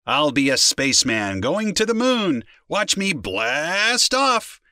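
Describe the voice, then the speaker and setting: A man's voice: medium pitch, sing-song, moderate pace, sharp tone, no echo, studio quality. A man voicing a funny little boy who pretends to be a spaceman blasting off to the moon, drawing out his words. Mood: playful.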